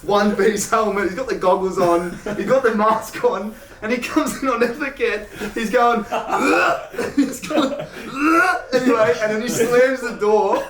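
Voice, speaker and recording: A young Australian man tells a rowdy story, laughing and swearing as he goes. His voice sits a bit high, with a faint hiss in the background. It sounds roomy, with the mic set back from him. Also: moderate pace, hardly any pauses, far from the mic. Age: young adult. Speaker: host. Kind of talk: casual chat, storytelling.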